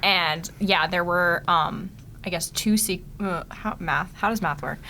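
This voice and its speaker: A woman's voice: lowish voice, a little slow, sharp tone, a little hiss or hum. A young adult woman co-hosting a casual podcast, laughing often and rambling through her points with fillers. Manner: giggly, rambling, lots of fillers. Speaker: podcast co-host.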